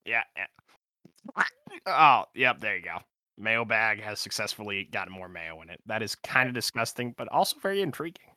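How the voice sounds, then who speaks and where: Bright, animated player; man, crude banter, dry home mic. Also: lowish voice, moderate pace, dry recording. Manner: casual, crude, joking. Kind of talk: tabletop role-play chat. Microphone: home podcast mic.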